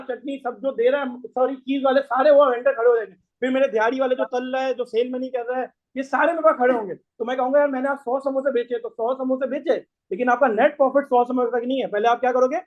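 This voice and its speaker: A hoarse man gives a classroom lecture, mixes in English terms, and keeps quizzing the class with repeated questions. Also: very high-pitched. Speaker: tax course lecturer. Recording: tinny phone-like lo-fi recording.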